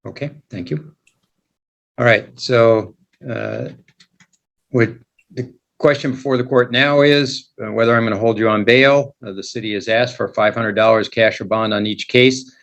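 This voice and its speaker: A man's voice: medium pitch, steady tone, vocal fry, fairly bright tone, dull audio. Formal American man presiding as judge. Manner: measured, formal, plain-spoken. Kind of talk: courtroom proceeding, explaining rights and procedure. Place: court hearing held over video call.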